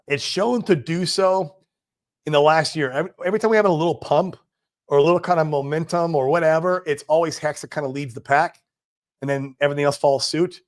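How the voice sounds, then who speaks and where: A man in his forties hosting a casual livestream, chatting in a laid-back, slangy way and peppering his talk with "man" and "dude". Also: on the high side. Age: 40s. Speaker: livestream host. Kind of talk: casual livestream chat reading viewer comments. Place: home in Puerto Rico.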